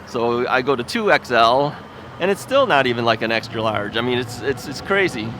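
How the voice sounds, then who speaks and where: Riding along a city street, an American ebike video host chats into a bike-mounted camera in a casual, rambling vlog. He's folksy, full of fillers and little chuckles, speaking at a normal speed with a medium pitch and lively intonation. Traffic and street noise come through clearly in the outdoor recording.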